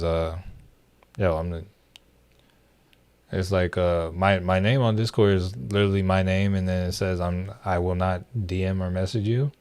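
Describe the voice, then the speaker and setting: Low and somewhat dark, yet clear and resonant, the voice belongs to a young man running a livestream. He talks casually with his viewers, wandering off with plenty of fillers and restarts.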